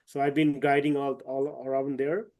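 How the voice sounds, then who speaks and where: A man from eastern Nepal, a trekking guide and company owner, speaks haltingly with many fillers and restarts over a video call. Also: medium pitch, level tone, darkish tone. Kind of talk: online webinar talk.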